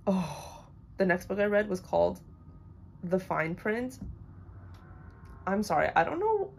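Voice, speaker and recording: A woman's voice: medium pitch, big pitch swings, unhurried, vocal fry, darkish tone, slight background noise. A young woman casually rambling through blunt opinions on books she has read, with lots of fillers. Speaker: book vlogger. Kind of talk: casual chat.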